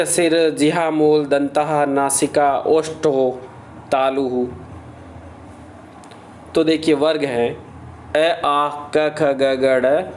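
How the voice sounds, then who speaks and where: A man teaching a grammar lesson at a slow, deliberate pace. His voice sits a little high, and he recites letter lists in a steady drill, posing questions and answering them himself. A faint hiss of noise runs under the recording.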